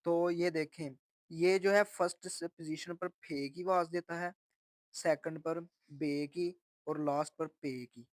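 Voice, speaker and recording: A man teaching a textbook lesson, slowly repeating each phrase and then explaining what it means. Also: on the high side, steady tone, no room sound. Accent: Urdu-Hindi speaker. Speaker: Korean language teacher.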